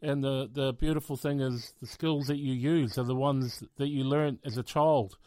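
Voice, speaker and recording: A man hosting a community radio interview, asking gentle questions with many fillers and laughing often. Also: mid-range voice, fairly even intonation, moderate pace, no echo.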